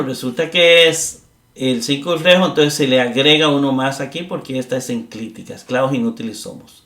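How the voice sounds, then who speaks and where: A man's voice: on the high side, bright, forceful tone, roomy sound. A man teaching a grammar lesson, explaining step by step and often checking in with his listeners. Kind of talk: classroom lecture.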